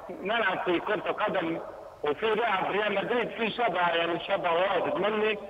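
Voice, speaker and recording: A young man with a Libyan accent, a media student, calls in to a TV show by phone and talks in a halting way while he searches for his words. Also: fairly high pitch, narrow, tinny audio, a little hiss or hum. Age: young adult. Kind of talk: phone interview. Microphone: phone call.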